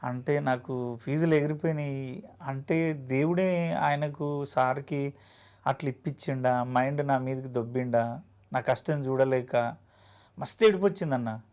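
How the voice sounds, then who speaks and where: A man's voice: medium pitch, measured pace, pauses often, darkish tone, clear, resonant tone. A man with a Telangana Telugu accent, an actor guest telling his story in an earnest, heartfelt, plainspoken way. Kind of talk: emotional storytelling interview.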